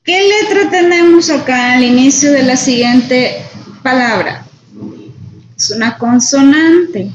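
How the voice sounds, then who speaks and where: A woman's voice: high-pitched, animated, takes it slowly. A woman teaching English grammar in a class, patient and repeating each point with "right?". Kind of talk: online class explanation. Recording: roomy, dull sound with faint noise.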